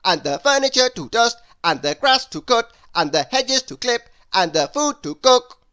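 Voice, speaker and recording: A woman puts on a bossy, busy man from a children's storybook. The voice is raised and loud. Each order is brisk, emphatic and insistent. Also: fairly high pitch, very animated, voice pushed up. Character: bossy, busy man barking out endless chores.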